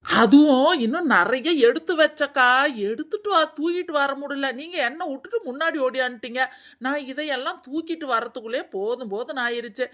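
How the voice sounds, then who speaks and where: Woman doing greedy village woman for a cartoon, boastful, fairly high voice. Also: a little fast, a bit bright. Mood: scheming. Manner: boastful, wheedling. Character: greedy chatty village woman hoarding wedding leftovers. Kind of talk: animated comedy dialogue.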